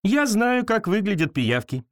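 A bright, friendly little girl, as a male storyteller puts her on, kind and a little brave. Her lines sit high and bounce up and down. The voice is close and dry. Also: sing-song, unhurried, dry recording, heavily acted. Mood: cheerful.

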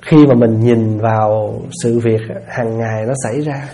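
A man's voice: on the low side, steady tone, measured pace, mellow. A man, a Buddhist monk giving a conversational dharma talk in a folksy manner, often asking listeners rhetorical questions. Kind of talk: conversational sermon.

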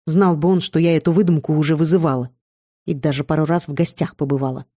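A woman reading a first-person fantasy novel aloud in a measured, reflective way. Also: deep voice, steady tone, warm tone. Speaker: audiobook reader.

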